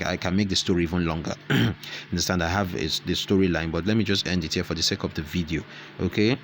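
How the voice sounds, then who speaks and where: A man with a very low voice walks through an animation app step by step. He rambles and often corrects himself mid-sentence. A faint hiss sits behind his voice. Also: fairly bright tone. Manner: rambling, self-correcting explanation. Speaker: tutorial host. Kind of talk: screen-recorded app tutorial.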